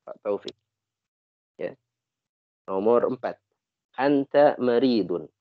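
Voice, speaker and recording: A man's voice: medium pitch, expressive, slow pace, no room sound, narrow, tinny audio. A man with an Indonesian accent teaching an online Arabic class, patiently correcting and translating phrases.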